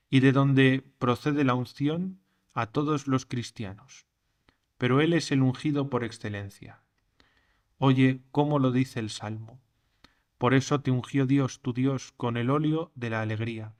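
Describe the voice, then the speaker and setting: A man giving a scripted reading of a sermon in a measured, declamatory way. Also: medium pitch. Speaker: reader of a recorded sermon text.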